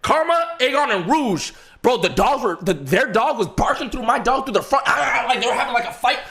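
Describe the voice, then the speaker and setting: A man's voice: extremely high pitch, expressive, fairly quick, creaky, bright, forceful tone. A man telling a story in an emotional, casual way, stammering, repeating words and swearing.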